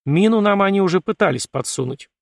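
A man's voice: high-pitched, lively intonation, fast, no echo, studio quality, voice pushed up. A man voicing a blunt, brash young male ship captain in an audiobook, with curt, scornful, commanding speech. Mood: defiant.

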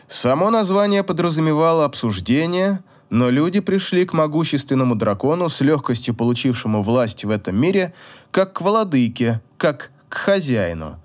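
A man narrating a fantasy audiobook in an expressive, melodic reading. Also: fairly high pitch. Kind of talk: scripted narration.

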